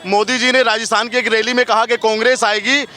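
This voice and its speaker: A male street reporter who prods passersby with quick questions, outdoors among traffic. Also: very high voice, flat delivery, pushed and bright. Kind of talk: street interview.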